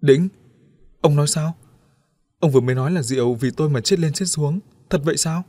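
An excitable, carefree young man in a spoken story, as the male narrator puts him on. He bursts into loud, eager exclamations. The recording is dry and close. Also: medium pitch, a little fast, dry recording, voice pushed up, lightly acted. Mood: stunned.

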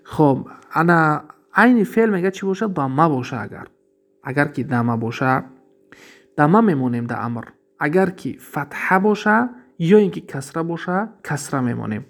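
A man with a Tajik accent teaching Arabic grammar from a textbook, explaining step by step, asking and answering his own questions and repeating example words slowly. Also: on the high side, lively intonation, creaky, a bit bright.

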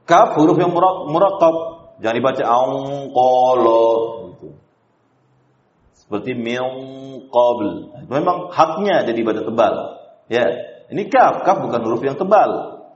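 A man teaching the rules of Quran recitation with an Indonesian accent, explaining each rule, chanting slow examples and quizzing his class. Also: medium pitch, lively intonation. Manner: explains then chants examples slowly, asks the class questions. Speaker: tajwid teacher. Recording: roomy, dull lo-fi lecture recording.

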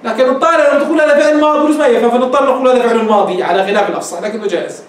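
An Islamic scholar with a Levantine Arabic accent teaches grammar, explaining patiently and checking that students keep up. He talks quickly in a voice very high for a man. The distant mic captures strong echo and a little hiss or hum.

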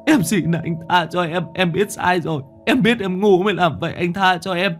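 A man voicing a terrified young male thug who stammers and whimpers as he begs, in a high, pleading voice. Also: normal speed, fairly bright tone, faint music behind.

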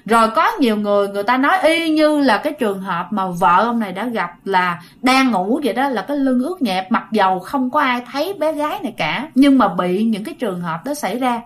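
A woman with a Southern Vietnamese accent tells a ghost story in a casual, chatty way. Her voice sits high, and she keeps turning to speak directly to her listeners. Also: expressive, brisk, few pauses.

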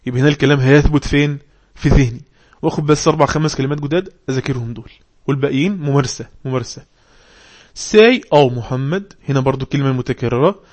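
A man with an Egyptian Arabic accent, teaching a class. He reads English lines slowly and deliberately, then explains them in quick Arabic and quizzes his students. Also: mid-range voice, darkish tone. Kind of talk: online English lesson on religious text.

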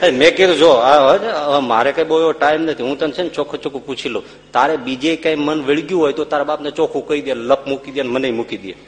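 A monk giving a discourse tells a humorous anecdote as sermon storytelling, acting out the voices of the people in it. His voice is on the high side and fast. The recording sounds like an echoing hall with a faint hum.

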